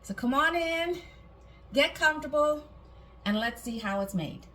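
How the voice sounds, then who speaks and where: With a high, slightly bright voice and lively intonation, a woman from Guam walks through a home cooking demo a little slowly. She chats casually and drops in small asides. Background noise and room ambience are clearly present.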